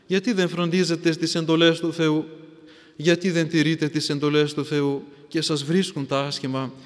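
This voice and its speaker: A man's voice: fairly high pitch, flat delivery, close to an everyday voice. A man voicing a stern holy ascetic who rebukes a crowd from his pillar, solemn and repetitive. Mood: reproachful. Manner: solemn, reproachful, repeats himself for emphasis. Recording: long hall reverb.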